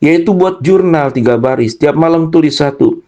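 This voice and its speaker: A man giving an earnest, gently encouraging devotional talk to children, speaking with emphasis. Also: a little high, moderate pace. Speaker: youth preacher.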